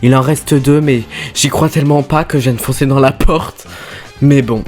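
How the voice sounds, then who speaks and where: Woman gaming streamer, excitable, squealing outbursts, casual commentary, soft music behind. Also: rumbling low, normal speed. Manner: excitable, bursts into loud squeals. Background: faint background music.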